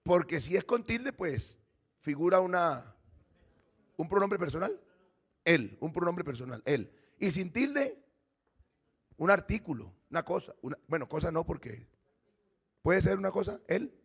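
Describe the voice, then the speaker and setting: Male pastor, high voice; teaching sermon that quizzes the congregation. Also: sing-song, measured pace, pauses often, slightly rough. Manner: teaching, asks the congregation questions.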